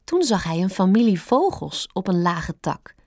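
A woman reading a children's storybook aloud, calm and gentle, with expressive turns. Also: fairly low pitch, moderate pace, no room sound, clean studio sound. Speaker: narrator.

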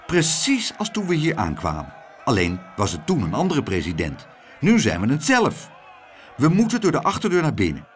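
A man voicing a flustered, fussy older woman who talks in a shrill, hurried way. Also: huge pitch swings, a little hiss or hum. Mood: urgent.

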